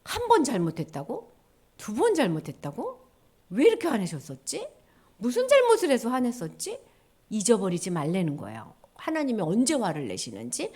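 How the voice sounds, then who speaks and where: High, animated woman preaching to children. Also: moderate pace, husky. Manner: animated storytelling, simple child-friendly words, questions to listeners. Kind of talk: children's sermon.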